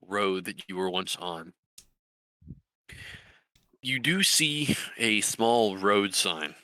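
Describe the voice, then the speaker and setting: A man running a tabletop game as game master, narrating scenes with measured pauses and fillers. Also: deep voice, bright, forceful tone, no room sound, poor audio.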